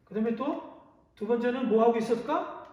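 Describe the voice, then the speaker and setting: A male pastor giving a children's sermon, telling a story with lively questions to the listeners. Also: extremely high pitch, a little fast, highs cut off. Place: church hall. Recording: echoey hall, from a distance.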